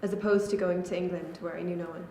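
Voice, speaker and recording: Relaxed young woman in an echoey room. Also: lowish voice, quick pace, a little hiss or hum. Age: young adult. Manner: relaxed, with frequent fillers like "like" and "um". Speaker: interview guest, college student. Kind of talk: casual interview answers.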